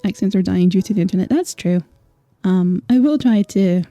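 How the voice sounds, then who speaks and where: A medium-pitched, dark-toned woman talks at a moderate pace, with no echo and faint music in the background. She's a vtuber from Scotland with a mostly American-sounding accent, casually chatting with viewers in a talkative, apologetic way full of fillers.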